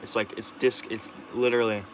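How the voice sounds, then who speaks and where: A young man talking into his camera in a rambling, halting monologue, restarting sentences and swearing often. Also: lowish voice, level tone, slight background noise. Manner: rambling, halting, with many restarts, fillers and curses. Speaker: vlogger.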